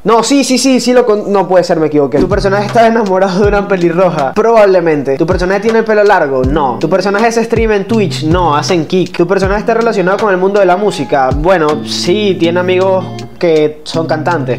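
Young man, from Venezuela, high voice, rapid talk, casual game commentary, background music. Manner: reads game questions aloud and answers them quickly. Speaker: gaming YouTuber. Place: small room indoors.

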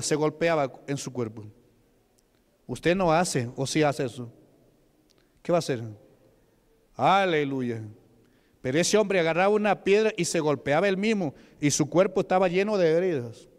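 A man's voice: high-pitched, clean tone. A male deacon from Peru preaching a Pentecostal sermon, asking the congregation questions and answering them himself, punctuating with hallelujahs. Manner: punctuates with "aleluya". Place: church hall. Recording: reverberant church hall.

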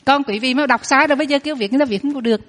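Nun teaching in a long-echoing hall. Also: female voice, high voice, fairly bright tone. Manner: explains patiently, drills words slowly and repeats them. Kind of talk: Dharma lesson with pronunciation drills.

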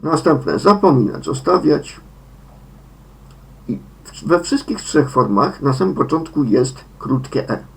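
A man with a Polish accent, a Polish speaker teaching English pronunciation, slowly repeating each word in sets of three. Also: on the high side, very animated, gravelly. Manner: slow, deliberate, repeats words in sets of three. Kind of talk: slow pronunciation lesson.

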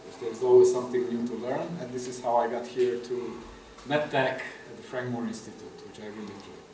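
A man's voice: mid-range voice, fairly even intonation, a little fast, dark tone, a little hiss or hum. A middle-aged man from Romania, a guest artist, talking hesitantly with many fillers at a festival table talk. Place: room with a table, audience. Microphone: table mic on stand. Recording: echoey room, far from mic.

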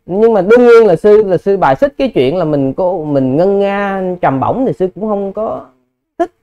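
High, smooth-voiced monk explaining patiently. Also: male voice, animated, normal speed, lo-fi sound. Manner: patient, explanatory, addresses listeners politely. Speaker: Buddhist monk. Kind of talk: Dharma Q&A teaching.

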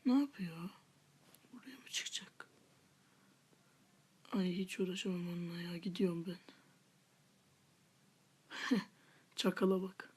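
A woman's voice: lowish voice, steady tone, unhurried, pauses often, a little mellow, husky. A woman hosting a gaming channel, giving live gameplay commentary with half-whispered muttered asides and playful taunts at opponents.

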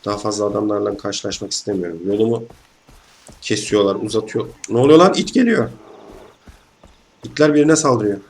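Young male gamer host, hoarse, chatty and excitable, yelling at sudden scares, faint hiss behind him. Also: lowish voice, a little fast, pauses often. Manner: chatty, excitable, slangy, bursts into shouts. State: hoarse from illness. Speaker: gaming channel host. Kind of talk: casual let's-play commentary.

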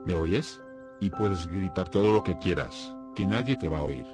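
A man reading the lines of a young girl who questions another child in a calm, threatening way. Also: sits low, normal speed. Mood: coldly threatening. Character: cold, menacing little girl interrogating another. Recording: music playing behind the voice.

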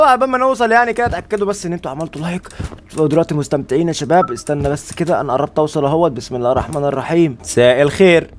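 A young man with an Egyptian Arabic accent doing joking, chatty let's play commentary, constantly talking to his viewers. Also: fairly high pitch. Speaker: gaming YouTuber. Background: game music.

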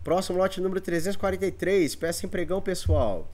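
A man's voice: high voice, quick pace, darkish tone. A man with a Brazilian accent working as an auctioneer, calling a live online auction in repetitive patter of bids and counts. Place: indoor room full of antiques.

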